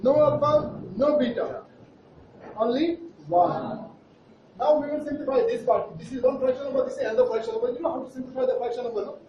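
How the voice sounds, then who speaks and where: At the board, an Indian-accented maths teacher runs an interactive lesson, playfully teasing students and asking questions to check their understanding. He talks rapid-fire in a very high, steady voice with hardly any pauses, captured from a distance in an echoey, noisy, muffled room.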